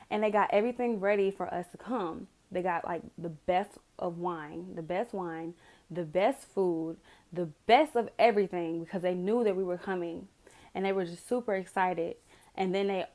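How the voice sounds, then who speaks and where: A woman's voice: on the low side, a little mellow. A woman casually retelling a dream to camera, rambling with many "like"s and restarts. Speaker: video testimony speaker.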